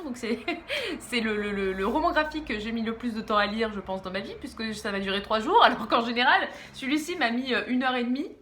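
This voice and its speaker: A young woman reviewing graphic novels in a casual, halting way, giggling often and slurring a little because she is groggy from medication. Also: on the high side, bright, forceful tone. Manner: giggly, halting, stumbles over words. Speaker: book vlogger.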